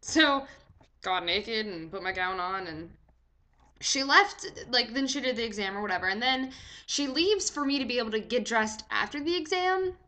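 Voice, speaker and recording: A young woman telling a story in a chatty, animated vlog, full of "like" fillers. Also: on the high side, moderate pace. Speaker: vlogger.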